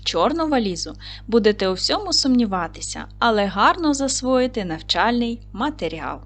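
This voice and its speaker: Young woman, kind primary teacher, sing-song animated delivery, slow careful dictation, faint music underneath. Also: fairly high pitch. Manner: slow, clear dictation with stressed syllables; gentle, encouraging address to children. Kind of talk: online video lesson for children.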